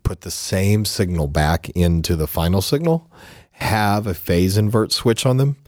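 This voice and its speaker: A man with a fairly low voice hosting a casual interview, a little sick, chiming in with short, good-humored remarks. His voice sounds dry and close, with no room echo. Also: unhurried, a little mellow. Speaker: host.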